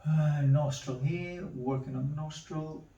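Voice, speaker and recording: A man demonstrating charcoal drawing, talking slowly to himself as he works and repeating words under his breath. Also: a little high, steady tone, creaky, dark tone, highs cut off. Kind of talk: thinking-aloud drawing demonstration. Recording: roomy, mic at a distance.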